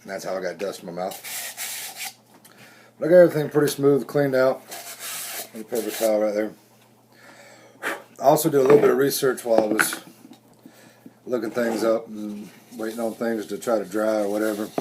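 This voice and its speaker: A man's voice: fairly low pitch, fairly quick, pauses often, background noise. A man rambling folksily through a casual bushcraft workshop vlog. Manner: rambling, folksy, self-correcting. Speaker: bushcraft vlogger.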